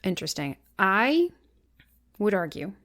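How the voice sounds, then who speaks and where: A woman's voice: medium pitch, big pitch swings, a little slow, a bit bright. A woman co-hosting a casual podcast chat. She talks with a wry, sarcastic edge and jokes about what critics wrote. Her delivery stays loose and conversational. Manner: wry, sarcastic, reads critics' blurbs aloud. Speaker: podcast co-host.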